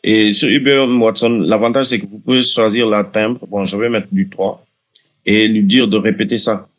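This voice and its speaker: A man with a fairly low voice hosts a casual software tutorial. He talks the viewer through each step and often hesitates and restarts mid-sentence. He sounds like he is on a desktop mic. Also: fairly even intonation, normal speed. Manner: hesitant, many fillers and restarts, addresses viewers directly. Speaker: tutorial host. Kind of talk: casual screen-recording tutorial.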